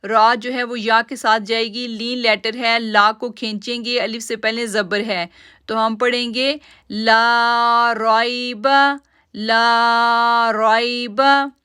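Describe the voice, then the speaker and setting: A woman teaching Quranic recitation rules, drawing out each word slowly to demonstrate it, then explaining the rules and addressing her listeners as sisters. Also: on the high side, level tone, bright, forceful tone, smooth. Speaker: tajweed teacher. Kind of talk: online Quran recitation lesson.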